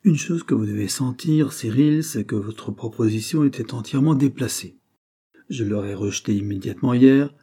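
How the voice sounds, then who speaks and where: A man's voice: medium pitch, normal speed, mellow, slightly rough. A man voicing a stern, dignified employer who speaks in a cold, formal and curt way.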